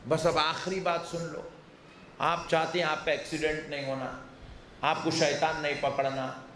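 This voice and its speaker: A man's voice: a little high, flat delivery, moderate pace, pushed and bright, echoey room, slight background noise. A man preaching a sermon in a mocking, joking way. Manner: jokey, mocking, acts out people's sayings. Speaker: Islamic preacher.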